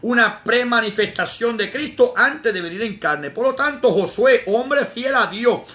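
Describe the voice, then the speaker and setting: A man preaching and teaching scripture in a live stream, his voice pitched high and bright. He is emphatic, repeats words for stress and reads verses aloud between his explanations. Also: animated, a little slow. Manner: greets viewers by name in between. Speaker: evangelist preacher.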